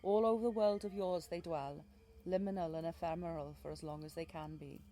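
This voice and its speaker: Woman playing a mellow Welsh fae guide, mysterious and protective. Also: fairly low pitch, fairly even intonation, fairly quick, close to an everyday voice. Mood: solemn, cautionary. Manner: lyrical, archaic phrasing, gently commanding. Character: mysterious female fae guide, protective, wry, ancient storyteller. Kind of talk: intimate scripted audio role-play.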